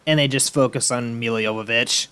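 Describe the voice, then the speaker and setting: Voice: medium pitch, fairly even intonation, brisk, fairly bright tone, smooth. A game player of unclear sex giving casual, joking, sarcastic let's-play commentary with plenty of swearing. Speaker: host playing a video game.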